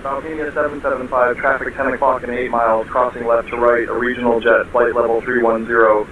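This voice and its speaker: Brisk man on a tinny helmet radio. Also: mid-range voice, a crowd in the background. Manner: flat, brisk, procedural delivery. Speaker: air traffic controller. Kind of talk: clipped radio phraseology.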